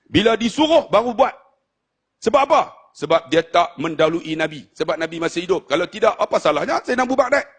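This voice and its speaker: A man with a northern Malaysian Malay accent preaching a sermon to a live congregation. He swings between loud, teasing calls to the crowd and low, hushed storytelling. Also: animated, fast talker, slightly rough.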